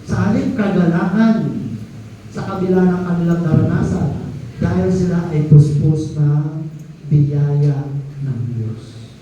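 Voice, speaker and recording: A man's voice: on the high side, takes it slowly, long pauses, dark tone, a little hiss or hum. A man with a Filipino accent preaching a sermon in a church, mixing Filipino and English and reading scripture aloud. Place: church hall. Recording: echoey hall from far off.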